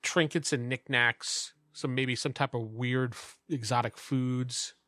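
A man's voice: medium pitch, steady tone, measured pace, sharp tone, no echo, studio quality. A man narrating a tabletop role-playing game as game master, describing scenes casually with fillers.

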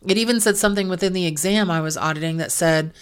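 A low-pitched middle-aged woman explains healthcare compliance rules in an informational talk. She speaks frankly, with exasperated asides. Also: quick pace, clear, resonant tone. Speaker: medical coding and compliance auditor.

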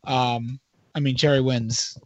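A man's voice: medium pitch, level tone, takes it slowly, no room sound. A man co-hosting a casual podcast over a remote call that keeps cutting out, joking and swearing freely. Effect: dropping, muffled remote call audio. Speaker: podcast co-host. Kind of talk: casual chat. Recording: muffled dry call audio.

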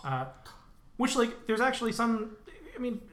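A man's voice: very high voice, big pitch swings, fairly bright tone, echoey room. A man chatting casually on a podcast, swearing and rambling through half-remembered facts, with a chesty cough. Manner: quick, profane, speculative rambling. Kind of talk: casual chat.

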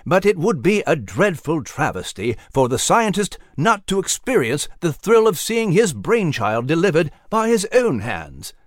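A man's voice: on the high side, big pitch swings, measured pace, hardly any pauses, no echo, studio quality. A man doing a prim mouse. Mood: earnest. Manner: formal, fussy, polite. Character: prim, genteel English male mouse.

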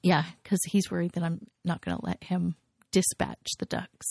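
Woman co-host, casual podcast chat. Gravelly, mellow, giggles a lot, dry room. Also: on the low side, steady tone, normal speed, no echo. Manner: giggly, gushing, rambling.

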